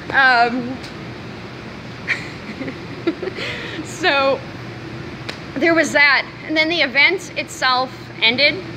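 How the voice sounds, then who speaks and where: A woman's voice: high voice, noisy background. Chatty woman vlogging on a city street. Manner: chatty, rambling, many fillers and restarts. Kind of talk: casual selfie vlog. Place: outdoors by city buildings. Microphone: phone at arm's length.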